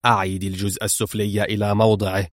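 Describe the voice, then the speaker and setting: A man voicing a cold, commanding male spy mastermind who speaks calmly and menacingly in a spoken-word thriller. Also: low-pitched, fairly quick, dry recording, studio quality, voice pushed down, close to an everyday voice. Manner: calm, clipped and menacing.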